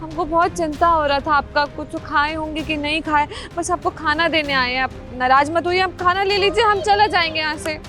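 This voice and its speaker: A woman's voice: high-pitched, fairly even intonation, normal speed, hardly any pauses, sharp tone, faint music behind. A woman playing an anxious, devoted young wife who keeps coaxing her husband to eat. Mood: pleading. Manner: pleading, coaxing. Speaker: actor in a comedy skit.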